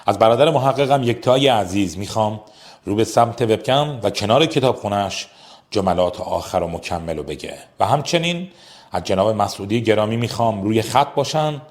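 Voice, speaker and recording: A male program host reads his formal, scripted lines at a very rapid pace. His voice sits on the low side, and he keeps a formal, measured phrasing even at that speed. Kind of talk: scripted narration.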